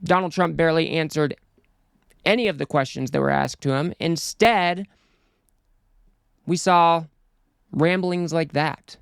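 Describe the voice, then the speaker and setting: A man's voice: a little high, measured pace, gravelly, long pauses, smooth, dry recording, clean studio sound. A man hosting a political commentary show, talking in an exasperated, scornful way.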